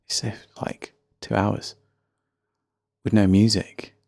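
A man's voice: fairly low pitch, level tone, slow pace, creaky, a little mellow, dry recording, clean studio sound. A man with a faint Birmingham accent hosting a casual solo music podcast, chatty, rambling and self-deprecating. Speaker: podcast host.

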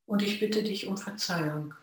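A Zen practitioner gives a reflective dharma talk to a sangha, speaking in measured phrases with long pauses. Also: medium pitch. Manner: slow, measured, pausing between phrases. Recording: very echoey room.

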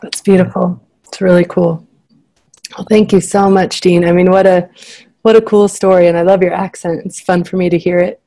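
A woman's voice: fairly low pitch, little pitch movement, moderate pace, warm tone, no room sound. A woman, chatting casually and encouragingly as a podcast host. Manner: appreciative, encouraging. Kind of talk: casual interview chat.

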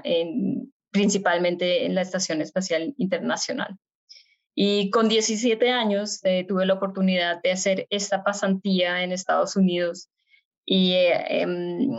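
A Colombian woman in her thirties, a guest aerospace engineer, giving measured interview answers with frequent hesitation fillers. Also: medium pitch. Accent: Colombian Spanish. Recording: muffled lo-fi sound.

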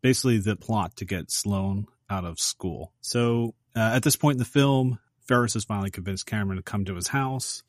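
A man's voice: fairly low pitch, moderate pace, few pauses, no room sound, studio quality. A man co-hosting a casual movie podcast, retelling a film scene with energy and acting out the characters' lines. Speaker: podcast co-host.

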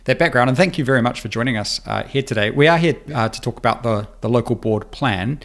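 A New man hosting a community radio podcast, asking questions in a polite, measured way. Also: medium pitch, vocal fry, a bit bright. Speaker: podcast host, interviewer.

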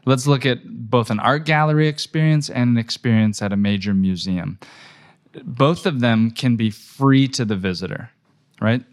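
Energetic man in a podcast chat. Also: mid-range voice. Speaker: guest, gallery tour business owner. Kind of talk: podcast conversation.

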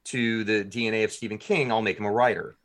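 This interviewee spins casual stories, poking fun at himself and animating them with quoted asides. His voice sits on the low side, and he talks fast.

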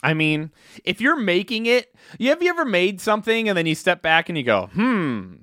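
Playful, animated man co-host. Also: high-pitched, a little fast, clean tone, no room sound, clean studio sound. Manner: joking, playful. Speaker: podcast co-host. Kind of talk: casual chat and reading aloud.

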